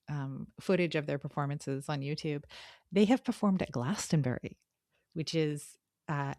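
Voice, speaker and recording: A woman co-hosting a podcast talks casually about books, explaining things in a conversational way. Her low voice is a little mellow, recorded in studio quality without echo.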